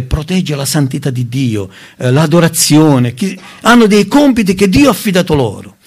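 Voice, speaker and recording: A man preaching a Bible teaching sermon, reading scripture aloud and stressing key words. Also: medium pitch. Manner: emphatic, rising on key words, lively intonation; addresses listeners as brothers, reads scripture aloud.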